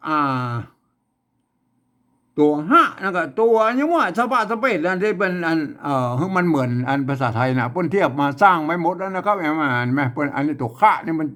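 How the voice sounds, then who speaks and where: Guy teaching, kinda high voice, lots of ums and repeats. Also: animated, fast talker, hardly any pauses, a bit bright. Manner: repetitive, rambling, with many fillers. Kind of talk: casual spoken lesson.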